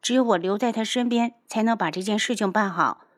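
A woman voicing a pretty, hot-tempered young man who shouts his insults in a high, agitated voice. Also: brisk, natural voice. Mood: coaxing.

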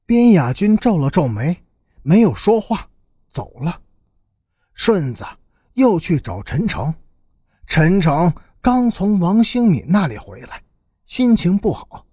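Husky male audiobook narrator, lively swoopy delivery, dry close mic. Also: high voice, slow, pauses often, no echo. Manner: expressive, lively storyteller. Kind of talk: storytelling narration.

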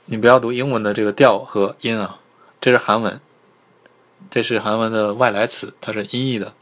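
A male language teacher giving a livestreamed pronunciation lesson, patiently sounding out syllables and repeating them slowly. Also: fairly low pitch, steady tone, fairly bright tone. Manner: patient, repeats syllables slowly, asks viewers to type in chat.

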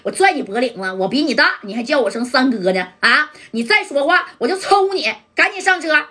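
A woman voicing a hot-tempered male gang leader, shouting orders. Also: on the high side, expressive, quick pace. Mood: angry shouting. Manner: shouting, bossy.

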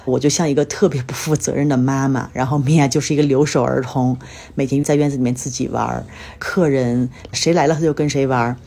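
Fast and steady in tone, this woman's voice is rumbling low, gravelly, mellow and breathy at the edges. She's a Chinese podcast host chatting solo about her daily life, telling stories while sounding a little run-down and under the weather.

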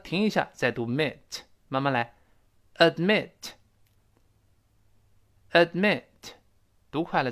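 A man speaking with a Mandarin Chinese accent, explaining English pronunciation and repeating words slowly to demonstrate them. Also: mid-range voice, fairly bright tone. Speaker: English teacher.

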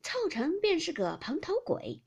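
A woman reading a bossy, lively young maid. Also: very high-pitched, measured pace, gravelly, muffled recording, voice pushed up, heavily acted. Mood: explaining. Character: lady's maid hosting a drinking game, bossy and lively. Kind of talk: audiobook character reading.

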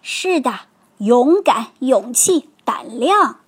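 Woman doing a loud taunting bully bear boy. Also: high-pitched, lively intonation, very slow, husky, heavily acted. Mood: sly.

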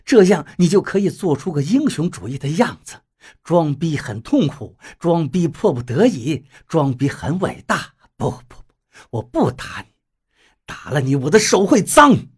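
A man voicing a scornful young man in an audiobook, speaking low and contemptuously. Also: big pitch swings, moderate pace, slightly rough, exaggerated voice.

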